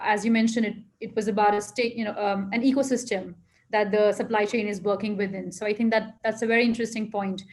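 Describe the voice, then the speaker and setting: A woman moderating a panel discussion, talking in a hesitant, roundabout way with many pauses and filler phrases. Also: fairly high pitch, a little mellow. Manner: hesitant, roundabout, frequent "you know" and pauses.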